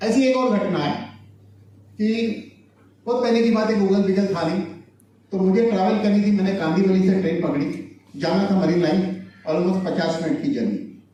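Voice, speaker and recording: High-voiced male speaker, mellow and chuckling, tells comic life lessons, recorded far off in a reverberant hall with faint noise. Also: normal speed, pauses often. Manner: chuckles through his anecdotes. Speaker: motivational speaker at a business launch event. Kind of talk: humorous motivational storytelling. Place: large event hall.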